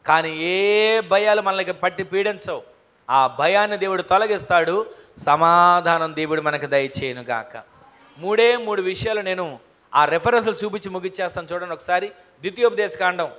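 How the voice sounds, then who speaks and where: Fervent high-voiced preaching pastor. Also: male voice, a bit bright. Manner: fervent preaching, repeated calls for amen; rhetorical questions and repetition. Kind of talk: Telugu sermon to a congregation. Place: church hall.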